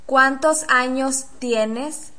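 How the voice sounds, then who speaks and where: A woman leads a pronunciation drill, speaking model sentences with deliberate care. Her pace is very slow, her voice bright and a little high, leaving plenty of room for the listener to repeat after her. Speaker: language teacher.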